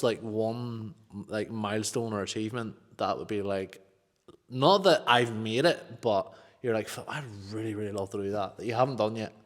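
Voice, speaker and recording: A man with a mid-pitched voice, recorded with long room reverb. He asks questions casually as a co-host, in an informal, roundabout way. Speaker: podcast co-host. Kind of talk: casual interview chat. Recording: reverberant, hall-like room echo.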